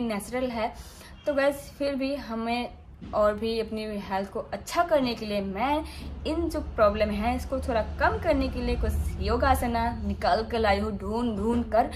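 A woman's voice: on the high side, a little hiss or hum. A woman in her twenties chatting casually to her viewers in a home vlog. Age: 20s. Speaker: vlogger. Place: bedroom at home. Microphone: phone or camera within arm's reach.

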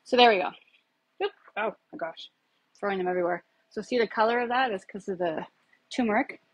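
Cooking in her home kitchen, this vlogger in her thirties talks fairly quickly in a medium-pitched, slightly breathy voice, loose and chatty with many fillers as she rambles through a casual cooking demo. Her phone camera sits on the counter to record.

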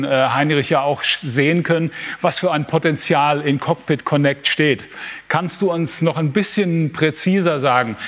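A man's voice: fairly high pitch, a bit bright. Middle-aged male studio host. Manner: clear questions, polite lead-ins. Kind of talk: moderating a studio interview. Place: television-style studio.

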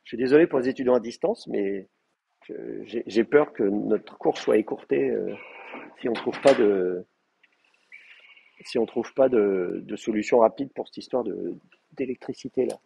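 A man's voice: on the low side, normal speed, creaky, dark tone, slight background noise. A man giving a live university classroom lecture, explaining with hesitant, stop-start delivery and frequent restarts. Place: classroom with in-person and remote students.

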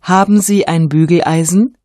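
A woman reading vocabulary aloud with clear pronunciation in a studio course recording. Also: fairly low pitch, fairly even intonation, moderate pace, dark tone, no echo. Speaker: vocabulary reader. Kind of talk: scripted reading.

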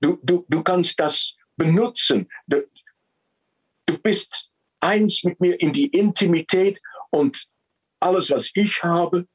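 A man's voice: high voice, takes it slowly, fairly bright tone, slightly rough, voice pushed up, exaggerated voice, low-quality recording. A man voicing God the Father as a mighty, loving, generous figure who speaks with emphasis and repeats his words.

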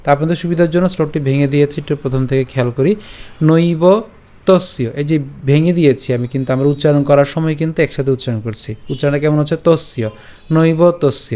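A man leads a pronunciation lesson, chanting each verse line slowly. He then breaks the words into syllables and repeats them patiently. His voice sits somewhat high. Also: steady tone, mellow. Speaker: Sanskrit recitation teacher.

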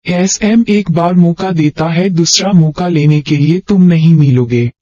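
A man voicing a cold, dangerous young mafia husband who speaks flatly and threateningly. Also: fairly high pitch, measured pace, dry recording, lightly acted. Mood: cold, menacing. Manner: flat and threatening, softening to coaxing. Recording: dull, dry audio.

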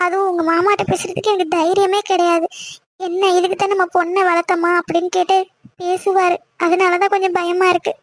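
A woman's voice: very high-pitched, level tone, brisk, dry recording. A woman voicing a worried middle-aged village mother who is afraid of her husband and speaks in a pleading, apologetic way in a cartoon. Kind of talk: Tamil cartoon voice acting.

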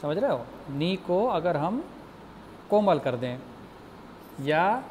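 A man teaching music theory in a slow, patient lecture, explaining step by step and asking the class questions. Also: on the high side, big pitch swings, a little mellow, a little hiss or hum.

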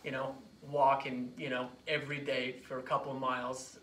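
A late-20s chiropractor from Iraq, introduced during an informal interview, shares a personal story in a medium-pitched, slightly bright voice that stays fairly level. He pauses and repeats words and phrases as he goes. The sound comes from a phone camera several feet away in a small office room, and it's echoey, distant, and a bit noisy.

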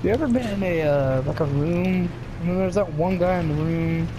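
A man's voice: sits high, moderate pace, noisy background. A man joking crudely and rambling in an online group voice chat, talking over a headset mic. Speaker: gamer in party chat. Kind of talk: casual chat.

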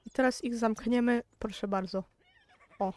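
A woman's voice: on the high side, fairly even intonation, moderate pace, a little mellow. A young woman with a Polish accent giving casual gameplay commentary, chatty and exasperated, talking straight to her viewers. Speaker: gaming YouTuber.

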